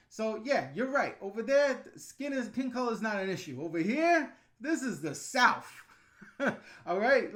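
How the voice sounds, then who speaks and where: On a laid-back YouTube livestream, a middle-aged man with a New York accent answers the chat with blunt rants and chatty fillers. His tone is high-pitched and fairly bright.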